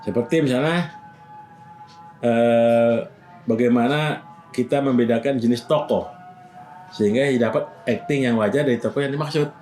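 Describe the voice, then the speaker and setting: Man, acting coach, conversational, demonstrates lines, mid pitch, soft music underneath. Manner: explains by acting out quick example lines. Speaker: acting teacher. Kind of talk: casual explanatory chat.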